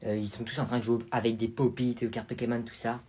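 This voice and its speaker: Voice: mid-range voice, level tone, quick pace, darkish tone, slightly rough, close to an everyday voice. A performer voicing a chatty, boastful preteen girl cousin in a comedy sketch. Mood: gushing. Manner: gushing, chatty.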